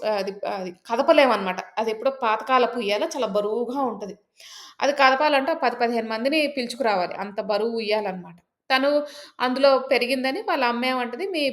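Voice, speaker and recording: Woman storyteller, folk tale, chatty, fillers and asides, rapid pace, fairly high voice.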